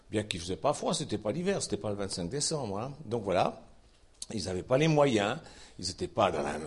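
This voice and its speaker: The speaker, a man from Switzerland with a Swiss French accent, has a mid-range voice with a breathy edge. He gives a folksy, informal Bible sermon full of chatty asides to listeners and lively rising emphasis.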